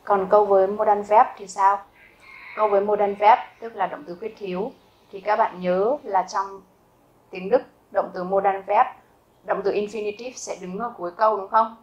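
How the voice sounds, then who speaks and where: A Vietnamese woman talks through a German grammar lesson at a steady, mid-pitched level. She explains each rule patiently and asks her students rhetorical questions. She slows right down to say each example sentence twice. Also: highs cut off. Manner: repeats example sentences slowly and carefully. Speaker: German teacher.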